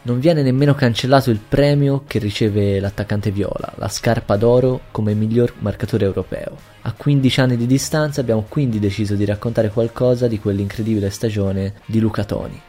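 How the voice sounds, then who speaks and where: A man narrating a scripted sports history podcast in measured, written-out sentences. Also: on the low side, steady tone, warm tone. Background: faint music.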